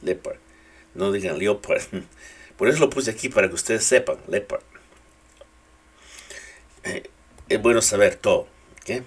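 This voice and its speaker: A man gives a casual English pronunciation lesson in a low, husky voice. He speaks slowly and repeats each example word carefully. His tone stays relaxed throughout. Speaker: English teacher.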